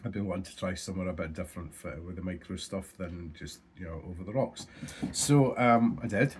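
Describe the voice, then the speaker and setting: A Scottish man vlogs about his fishing, chatting casually to camera with plenty of swearing and ums. A blocked nose makes his voice stuffy and nasal; it sits low, slightly mellow, with a breathy edge, and he talks a little fast.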